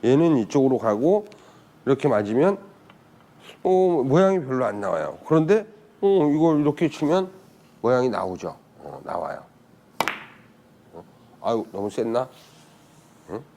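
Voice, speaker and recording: A man's voice: medium pitch, sing-song, a little slow, long pauses, mellow, a little hiss or hum. A man teaching billiards in a casual spoken lesson, chatting and often putting rhetorical questions to viewers. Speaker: billiards instructor.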